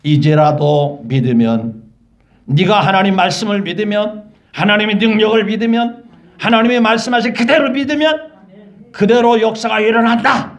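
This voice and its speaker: A male pastor telling a story in a sermon, animated and quizzing the congregation with rhetorical questions. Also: high-pitched, moderate pace. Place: church.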